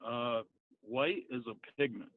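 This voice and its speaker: A man with an American hillbilly twang calls in by phone, arguing in a plain-spoken, halting way. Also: mid-range voice, no echo. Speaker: phone-in caller. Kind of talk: unscripted debate on a call-in show. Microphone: telephone. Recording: thin, narrow phone line.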